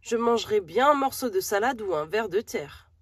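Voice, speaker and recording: A woman's voice: mid-range voice, expressive, normal speed, a bit bright, breathy edge, dry recording, studio quality. A woman voicing a curious, naive young male hedgehog in a storybook, as if reading to a toddler. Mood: hungry.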